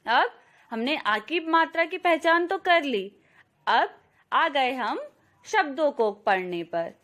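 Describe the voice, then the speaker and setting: Slow-speaking woman teaching phonics. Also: high-pitched, animated. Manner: drawn-out syllables, addresses children warmly; very slow, careful pace. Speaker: kindergarten teacher. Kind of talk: slow, clear phonics lesson for young children.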